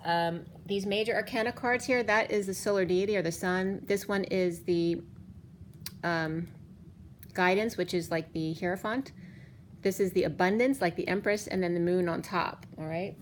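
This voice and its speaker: A tarot reader in her fifties gives a rambling spiritual reading, going through the cards one by one as she loses her voice, which keeps giving out. She speaks on the low side at normal speed, with a little hiss or hum in the audio.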